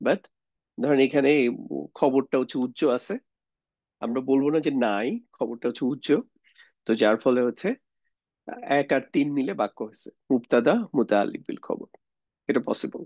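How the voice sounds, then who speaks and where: A young man teaches grammar at a middling pitch, explaining step by step and often asking rhetorical questions. He mixes English words into his explanations. The recording is dry and a little dull. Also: moderate pace, pauses often, darkish tone, no echo. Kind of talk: lecture on Arabic grammar.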